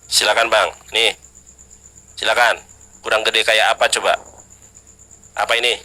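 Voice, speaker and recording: A Sundanese man from West Java, Indonesia, presses and challenges the other side in a live debate over a video call, insistent throughout, and chants scripture in high sung tones. His delivery is flat and unhurried, with a bright, forceful tone.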